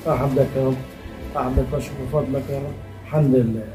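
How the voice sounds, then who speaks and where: A man's voice: fairly high pitch, very fast, over music, close to an everyday voice. A man with an Egyptian Arabic accent playing a pious blind old father who is betrayed, pleading and praying in an amateur drama skit. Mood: prayerful. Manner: pleading, prayerful, lamenting.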